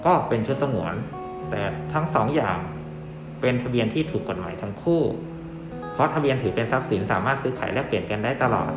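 A man explaining things informally as a dealer and presenter, in a polite customer-service manner with courteous particles. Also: medium pitch. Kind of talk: informal explainer with sales pitch. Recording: echoey room with guitar music behind. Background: plucked guitar music.

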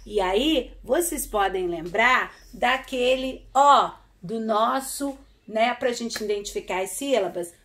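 A woman teacher speaks slowly to small children, breaking each word into syllables. Her voice is bright and a little high, and she keeps checking in with gentle "tá?" and "né?" tags. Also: animated. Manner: slow, syllable-by-syllable sounding out of words; patient, coaxing with frequent "tá?" and "né?". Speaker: primary school teacher. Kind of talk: online literacy lesson for young children.

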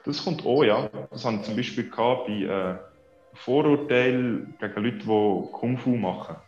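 This social media creator, a Swiss German-accented man in his thirties, speaks at medium pitch and a moderate pace with a darkish tone. He's a relaxed interview guest on a video call from a small room, where the audio is dull and echoey with music playing underneath.

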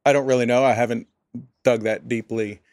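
A man at a middling pitch answers interview questions about faith in an earnest, thoughtful way. He often restarts his sentences as he works through an idea. The sound is dry and close, with no room echo. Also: steady tone, brisk, a little mellow. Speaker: pastor and area director, podcast guest.

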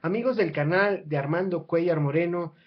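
A man in his thirties speaks straight into a webcam from a small room at home, in a slightly high voice. He talks earnestly and persuasively, restarting himself and filling pauses as he goes. The sound is dull and lo-fi. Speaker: channel host. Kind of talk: casual talk to camera. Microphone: webcam at close range.

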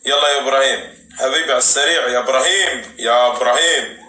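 A man doing fast, teasing live game commentary while hosting custom rooms and cheering players on. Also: mid-range voice, a little hiss or hum. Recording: roomy, distant mic, loud music.

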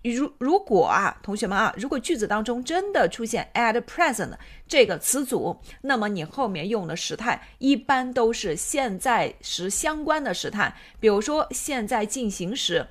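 Patient woman teaching English grammar. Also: fairly high pitch. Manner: patient, explaining step by step with rhetorical questions; switches between Chinese and English example sentences. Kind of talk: recorded grammar lesson.

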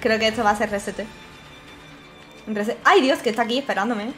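A woman's voice: medium pitch, little pitch movement, fast. A woman with a Spanish accent from Spain, streaming a game with casual commentary, swearing and laughing as she plays. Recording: faint game music behind.

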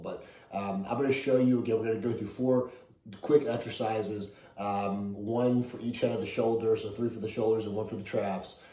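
A middle-aged fitness coach casually walks through a home workout in a relaxed, easygoing manner. His voice is fairly low, picked up in an echoey living room by a camera a few meters away.

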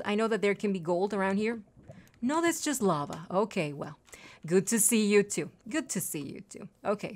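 Medium in pitch, this woman hosts a gaming channel and chats her way through a let's-play. Spanish is her first language, and she keeps apologizing while addressing viewers as well as the game's animals and trees.

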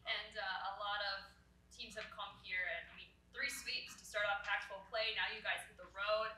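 A woman reporter asks long, rambling questions full of ums at a press conference. Her bright voice comes from away from the mic in a roomy space. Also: medium pitch, fairly even intonation, normal speed, distant mic, slight background noise. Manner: long wandering questions with fillers.

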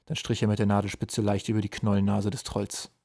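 Mann liest ruhig ein Hörbuch. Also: male voice, on the low side, completely flat delivery, fairly quick, creaky, warm tone, slightly rough. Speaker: audiobook narrator. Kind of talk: scripted narration.

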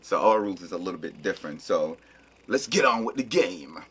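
A man with a husky voice chatting casually and playfully as he co-hosts a taste challenge, eating jelly beans while he talks. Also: sits low, lively intonation, a little fast, fairly bright tone. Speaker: vlog co-host playing a taste challenge.

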